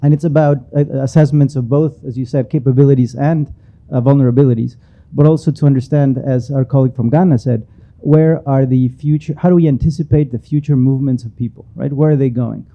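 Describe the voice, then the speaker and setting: A man's voice: medium pitch, steady tone, brisk. Guy on a summit panel, lots of uhs, kinda muffled audio. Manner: hesitant, many "uh" fillers. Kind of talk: panel discussion.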